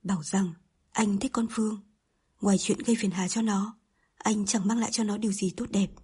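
A woman's voice: mid-range voice, steady tone, normal speed, mellow, breathy edge. A woman narrator voicing a harsh, scornful older mother in an audiobook, scolding with contempt.

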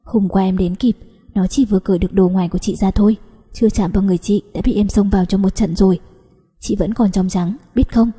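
A woman's voice: medium pitch, fairly even intonation, quick pace, warm tone, slightly rough, long reverb tail, natural voice. A coaxing young cousin, as a woman reader voices him. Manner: coaxing, tender and scolding.

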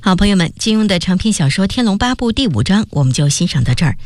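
A woman presenting a radio program and reading a novel aloud in a measured, expressive storytelling manner. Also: medium pitch, no room sound, studio quality.

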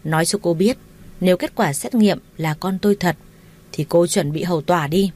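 A woman's voice: lowish voice, normal speed, a little mellow, close to an everyday voice. A woman voicing a blunt, scornful young husband in a read-aloud romance story, curt and dismissive.

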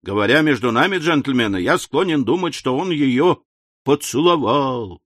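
A man narrating a classic novel as an audiobook, in an unhurried storytelling manner with confiding asides. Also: mid-range voice, animated, fairly bright tone, dry recording, clean studio sound. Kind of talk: scripted literary narration.

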